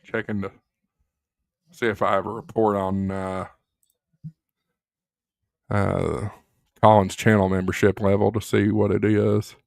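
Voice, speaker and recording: A man's voice: on the low side, little pitch movement, unhurried, gravelly, pauses often, darkish tone, dry recording, clean studio sound. A man hosting a casual live stream, chatting loosely with many fillers and reading viewer comments aloud.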